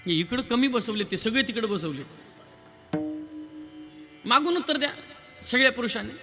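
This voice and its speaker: A male devotional preacher delivering a lively sermon, teasing and quizzing his live audience. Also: extremely high pitch, moderate pace, soft background music. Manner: lively, quizzes and teases the crowd, counts raised hands. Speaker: kirtan preacher.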